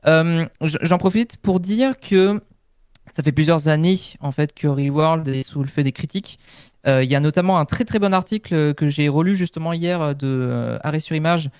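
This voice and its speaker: Clear-voiced man, measured and careful. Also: fairly high pitch, a little mellow, no room sound. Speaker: panelist. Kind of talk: casual spoken news discussion.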